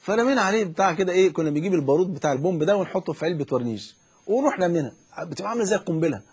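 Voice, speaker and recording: A man's voice: sits high, expressive, very fast, a little mellow, husky. A man with an Egyptian Arabic accent, a preacher giving fervent, fatherly religious advice on a call-in show. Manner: fervent, fatherly, keeps saying "my dear".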